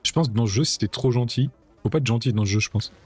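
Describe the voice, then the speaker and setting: A man's voice: medium pitch, fast, husky, soft background music. A man streaming a video game, chatting casually and thinking aloud to himself as he plays. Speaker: gaming streamer. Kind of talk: casual let's-play commentary.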